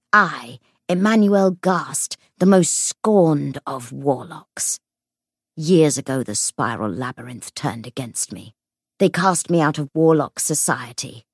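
A woman voicing the murdered ghost of a bitter male warlock, with a hollow, hissing voice and a slow, brooding delivery. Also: low-pitched, slightly rough, no room sound, studio quality, exaggerated voice. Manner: slow, brooding, sinking to a whisper.

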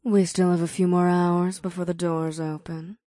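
A man voicing an affectionate, gently teasing succubus woman in a spoken story, lifting his voice high and soft. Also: flat delivery, normal speed, no echo, clean studio sound, close to an everyday voice.

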